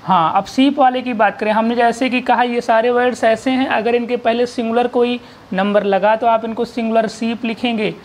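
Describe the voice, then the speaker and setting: A man's voice: very high voice, flat delivery, moderate pace, slight background noise. A man teaching an English grammar lesson, explaining patiently and checking in often.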